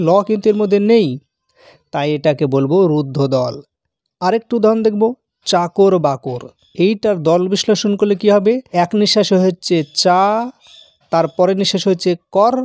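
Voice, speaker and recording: A man teaching grammar in a slow, deliberate classroom manner. He breaks words into syllables and counts them aloud. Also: high-pitched, warm tone, dry recording, clean studio sound. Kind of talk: classroom-style grammar lesson.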